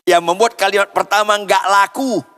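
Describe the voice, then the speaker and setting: A man from Indonesia preaching a sermon as pastor in a church, swinging from loud cries down to low murmurs and calling out to the congregation for answers. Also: fairly even intonation, moderate pace, faint music behind. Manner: asks the congregation for responses. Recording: long church hall reverb.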